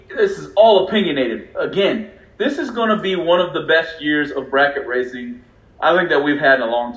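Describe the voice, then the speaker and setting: A man from California co-hosting a racing livestream, excitable and chatty, laughing often as he talks. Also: fairly high pitch. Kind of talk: casual livestream chat. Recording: roomy, dull lo-fi sound.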